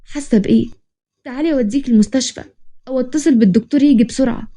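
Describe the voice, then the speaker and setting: A woman puts on a confident young male boss from an Egyptian storybook, talking fast with a mellow, dark tone. He is teasing and sure of himself, bargaining and giving orders. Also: high-pitched. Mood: firm. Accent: Egyptian Arabic. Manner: bargaining, teasing, then commanding.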